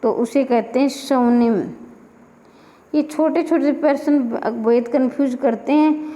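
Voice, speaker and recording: Female grammar teacher, fairly high voice, drills exam questions in a reverberant room. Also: measured pace, dark tone. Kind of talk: exam-prep lecture.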